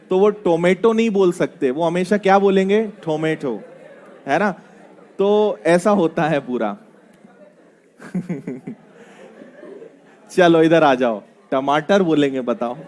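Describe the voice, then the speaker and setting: A man with a high, light voice lectures to a classroom. He keeps it playful, firing quick questions at the students and joking as he explains. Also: darkish tone. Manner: playful, quizzing students with rhetorical tags. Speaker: teacher.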